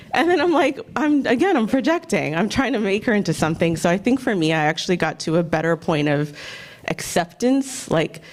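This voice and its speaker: Parent panelist, woman from New Jersey, emotional and rambling, slightly low pitch. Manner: candid, emotional, rambling with many "like"s. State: near tears, nervous. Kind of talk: panel discussion, personal story.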